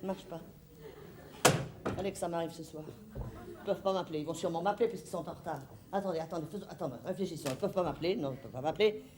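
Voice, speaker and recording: A stage actress playing a flustered, fussy middle-aged hostess in a comedy monologue, rambling theatrically to the audience. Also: female voice, on the low side, fast talker, heavy background noise, close to an everyday voice.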